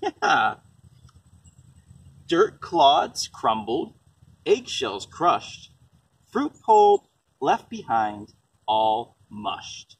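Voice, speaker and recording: Speaking very slowly with long pauses, this man has a medium-pitched, breathy voice whose pitch swoops wildly. He reads a picture book and chats with a young child, offering simple explanations and questions about composting like a parent. It's picked up from a distance, with faint noise behind him.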